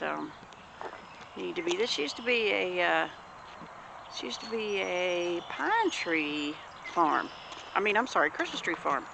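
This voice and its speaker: Out in her rural yard, a folksy Southern woman from the Deep South rambles through a plain, homespun show-and-tell for her homesteading vlog. Her voice is gravelly, strongly creaky and on the lower side for a woman. Loud background noise and birds fill the outdoor recording.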